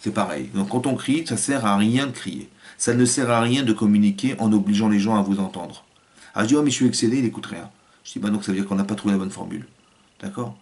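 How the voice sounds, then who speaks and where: A man, a rabbi, giving a Torah lecture in an animated way, acting out family voices and restarting his phrases often. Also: fairly low pitch.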